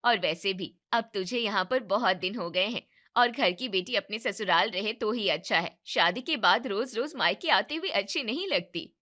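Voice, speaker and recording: A woman voicing a timid, indulgent middle-aged mother who speaks in a hesitant, soft-spoken way in an animated story. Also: medium pitch, normal speed, lightly acted.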